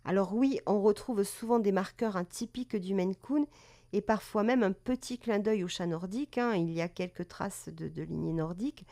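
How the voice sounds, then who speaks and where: A woman's voice: medium pitch, normal speed, dark tone. Chatty woman hosting a live stream. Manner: chatty, many fillers and self-corrections, greets viewers. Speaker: live streamer presenting cat breed history. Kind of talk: casual live-stream talk.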